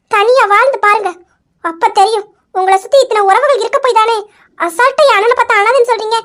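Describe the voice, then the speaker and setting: A woman's voice: very high-pitched, a bit bright. A woman voicing a fiery young woman who indignantly defends her brother in an amateur audio drama. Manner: indignant, demanding, repeats questions.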